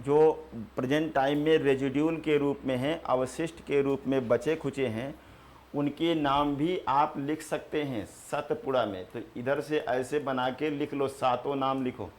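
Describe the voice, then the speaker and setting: Male teacher, slow repetition. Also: a little high. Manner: repeats key terms slowly for students to write; asks the class questions and answers himself. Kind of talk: classroom geography lecture.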